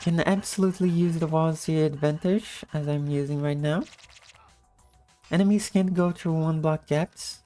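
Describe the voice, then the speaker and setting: A woman with a low-energy, just-woke-up morning voice giving a casual gameplay tutorial in commentary style. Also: fairly even intonation, moderate pace, warm tone, soft background music. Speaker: video game guide narrator.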